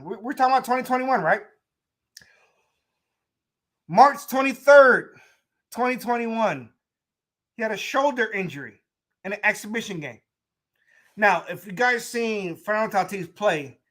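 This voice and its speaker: High-voiced man hosting sports talk. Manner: animated, repeats himself, talks straight to listeners. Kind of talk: casual sports commentary.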